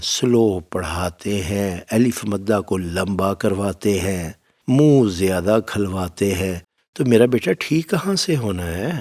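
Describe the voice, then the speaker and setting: A man with a low voice teaching recitation in a warm, fatherly tone, calling his students "my son". He gives plain, firm instructions one point at a time, like a patient elder guiding pupils. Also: creaky, distant mic. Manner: fatherly, addresses listeners as "my son". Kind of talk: spoken lesson with recited demonstrations.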